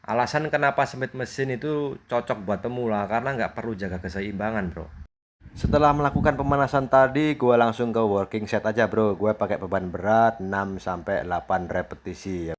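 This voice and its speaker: A man's voice: lowish voice, fairly quick. A young man narrating a casual gym vlog like a gym bro, addressing the listener as bro all the time. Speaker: fitness content creator.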